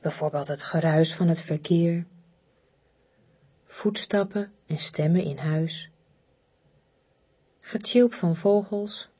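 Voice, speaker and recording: A woman leading a guided relaxation in a soft, breathy, near-whispered voice, soothing, hypnotic and repetitive, with long pauses. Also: on the low side, muffled recording.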